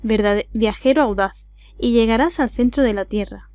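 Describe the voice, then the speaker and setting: A woman with an Andalusian accent reciting a solemn explorer's cryptic message in an audiobook, slowly and deliberately. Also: a little high, darkish tone, dry recording, clean studio sound, lightly acted. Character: solemn male explorer's cryptic written message read aloud.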